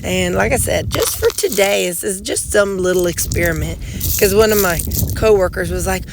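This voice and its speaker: A middle-aged Missouri vlogger with a slightly nasal, gravelly, mid-range voice rambles folksily to the phone in her hand while pulling weeds outdoors by a gravel bed and sidewalk. She talks at a normal speed with lively intonation, restarting often, against a noisy background.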